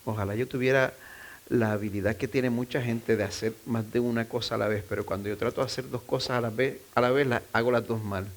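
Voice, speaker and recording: A man's voice: mid-range voice, fairly even intonation, brisk. A man, a pastor, preaching a sermon in a loose, conversational way, often restarting phrases and dropping in self-deprecating asides. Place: church.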